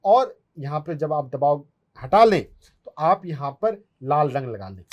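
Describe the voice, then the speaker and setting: A man's voice: fairly high pitch, sing-song, unhurried, a little mellow, highs cut off. A man, an acupuncturist who explains health remedies step by step as he answers viewer questions. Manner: instructive, step-by-step, demonstrates on his hand.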